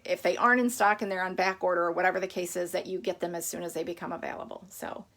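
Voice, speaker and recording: A woman's voice: lowish voice, fairly even intonation, quick pace, gravelly, fairly bright tone. A middle-aged woman hosting a casual live craft stream, chatty and rambling, greeting viewers by name while she has the hiccups.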